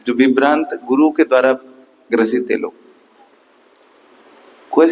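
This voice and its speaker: Through poor audio, a medium-pitched man preaches a Sunday class sermon with emphasis. He asks his listeners rhetorical questions and now and then breaks into counting and chanting aloud.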